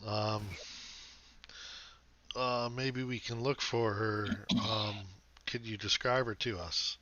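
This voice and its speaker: A man's voice: fairly low pitch, steady tone, takes it slowly, sharp tone, dry recording, lo-fi sound. A man playing a tabletop game, speaking hesitantly. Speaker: player.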